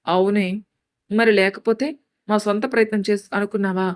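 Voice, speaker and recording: A woman's voice: medium pitch, little pitch movement, moderate pace, smooth, close to an everyday voice. A woman voicing a mother in a storybook who explains things plainly. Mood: explaining. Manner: explaining, matter-of-fact.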